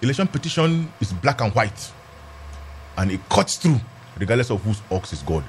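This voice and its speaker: A man's voice: fairly low pitch, sing-song, normal speed. Nigerian accent guy arguing law on a panel, really emphatic, voice swings a lot, bit of noise behind. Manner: emphatic, argumentative, repeats phrases for stress. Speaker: legal commentator, guest. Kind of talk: animated political and legal discussion.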